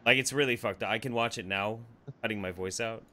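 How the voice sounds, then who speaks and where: A man's voice: fairly low pitch, fast, pushed and bright. A man co-hosting a casual livestream, swearing freely while he fixes his settings, his voice cut off at the ends of words by a noise gate. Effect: noise gate chopping off word endings. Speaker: livestream podcast co-host.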